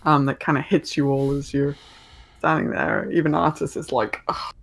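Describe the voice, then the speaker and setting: A man improvising narration as a tabletop game master, halting as he searches for words. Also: a little high, gravelly, a bit bright.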